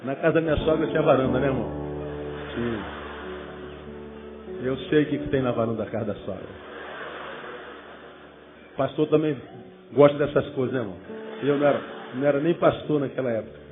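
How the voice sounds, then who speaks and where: A man's voice: medium pitch, a little fast, pauses often. A man preaching a sermon to young people as a pastor, emphatic, with rhetorical questions and joking asides. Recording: phone-like, with loud music.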